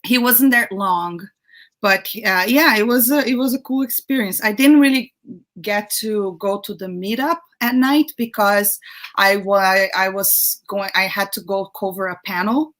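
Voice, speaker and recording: A young woman from Brazil, a guest in a casual interview, chatty and laughing often, with halting restarts. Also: mid-range voice, fairly bright tone. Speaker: guest, YouTube creator.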